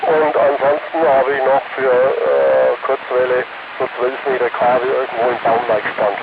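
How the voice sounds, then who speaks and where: A man's voice: mid-range voice, level tone, a little slow, creaky. A man, speaking over a two-way radio from his car and reporting to an amateur radio net in a plain, matter-of-fact way. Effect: heard over a two-way radio. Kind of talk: casual radio check-in report. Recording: narrow, noisy radio transmission.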